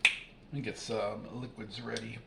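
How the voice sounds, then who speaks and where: Gravelly-voiced man narrating his routine. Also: lowish voice, flat delivery, unhurried. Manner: plain, matter-of-fact narration of each step. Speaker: vlogger. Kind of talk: casual narration of daily routine. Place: at home, kitchen. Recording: loud background noise.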